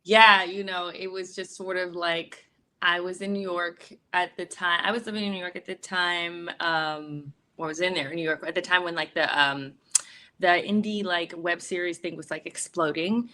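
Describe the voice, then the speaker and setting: A woman from the Bay Area talks about her path in a relaxed, rambling way, full of "um"s and "like"s. Her voice sits a little low and comes across bright and forceful. It is a casual interview, never scripted. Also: normal speed, a little hiss or hum. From San Francisco Bay Area, US. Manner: relaxed, chatty, many fillers and likes. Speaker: actress and filmmaker, interview guest.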